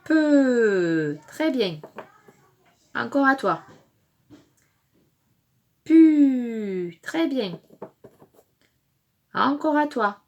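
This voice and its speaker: A woman teaching young children their syllables at a very unhurried pace. Her fairly high voice swings widely as she punches out each sound and cheers the listener on. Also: expressive, vocal fry, husky. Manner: slow and deliberate, stressing each syllable loudly; encouraging, praising the listener. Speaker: kindergarten teacher. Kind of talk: phonics lesson for young children.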